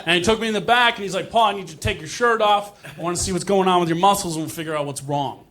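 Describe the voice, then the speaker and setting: His voice sits high and has a fairly bright tone, and he talks very fast. He's a stand-up comic telling self-mocking stories to a live audience in a conversational way, voicing the dialogue, while crowd laughter rings through the noisy show.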